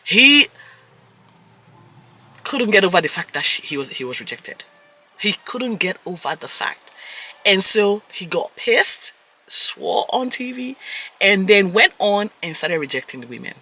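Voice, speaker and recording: A man talks through a dating show episode in a loose, gossipy recap, his voice swooping up and down with big, expressive pitch swings. The tone is sharp and very bright, sitting slightly high for a man, and he throws himself into acting out the reactions he describes. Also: measured pace, long pauses. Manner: animated, gossipy, acts out quoted reactions. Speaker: reality TV recap vlogger. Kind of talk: casual episode recap commentary.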